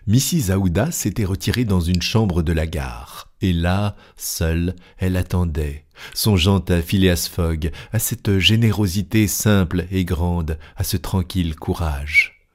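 A man narrating a classic novel as an audiobook, with a steady, deliberate reading. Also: deep voice.

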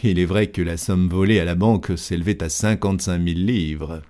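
A man narrating a classic adventure novel as an audiobook, in a steady, deliberate storytelling manner. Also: low voice.

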